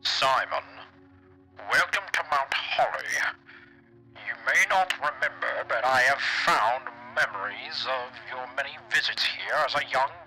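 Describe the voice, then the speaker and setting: A man voicing a dignified old gentleman, reading his letter in formal, measured tones through an old gramophone-style filter. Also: mid-range voice, soft background music, voice pushed down, low-quality recording. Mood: solemn. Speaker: streamer reading a game letter.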